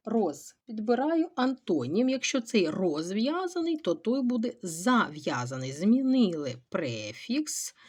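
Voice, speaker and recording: Lively woman teacher, thinking aloud. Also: medium pitch, slightly rough. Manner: thinks aloud, stretching and stressing word parts; checks in with rhetorical questions. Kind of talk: recorded grammar lesson walkthrough.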